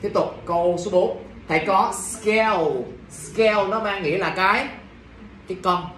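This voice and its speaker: A young man teaching English in a classroom, slowly repeating words and checking in with students. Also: high-pitched, fairly even intonation, fairly bright tone, slight background noise. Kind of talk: classroom pronunciation lesson. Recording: echoey room, mic far off.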